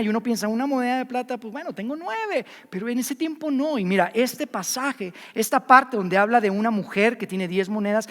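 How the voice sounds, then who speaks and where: A man with a Mexican accent preaching a sermon as pastor, animated and acting out the people he quotes. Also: very high voice. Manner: animated, acts out quoted voices. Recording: reverberant hall.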